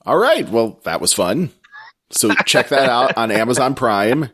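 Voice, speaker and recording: A man hosting a podcast, chatting casually and rambling a little, often trailing off quietly. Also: mid-range voice, big pitch swings, measured pace, husky. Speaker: podcast host. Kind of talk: casual chat.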